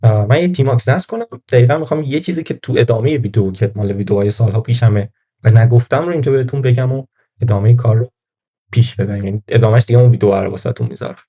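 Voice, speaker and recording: A man's voice: mid-range voice, warm tone, husky. A man giving a casual screen-recorded Linux tutorial, thinking aloud and correcting himself as he goes. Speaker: Linux course instructor.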